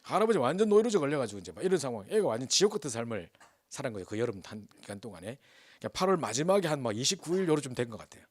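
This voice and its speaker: Fast, animated male pastor preaching. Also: medium pitch, no room sound, clean studio sound. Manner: animated storytelling, keeps asking the congregation for agreement. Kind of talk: sermon. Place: church.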